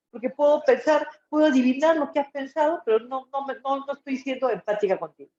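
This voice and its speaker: Speaking with a Peruvian Spanish accent and a fairly high, soft-edged, mellow voice, this psychology lecturer explains things informally and didactically, regularly adding short tag questions to check understanding. Her sound is muffled and dull, surrounded by heavy room echo.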